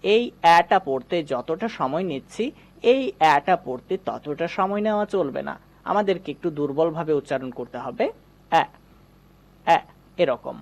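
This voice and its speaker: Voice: medium pitch, expressive, brisk. A teacher giving an online English reading lesson, addressing viewers directly, asking and answering his own questions and repeating vowel sounds for practice. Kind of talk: online lesson with slide explanation.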